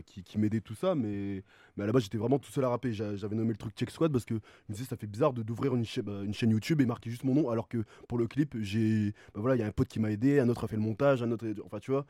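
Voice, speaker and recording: A young man speaks in a low register, recorded very dry. He chats informally as an interview guest, with plenty of slang and searching, hesitant phrasing. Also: fast, warm tone, no echo. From France. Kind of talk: casual chat.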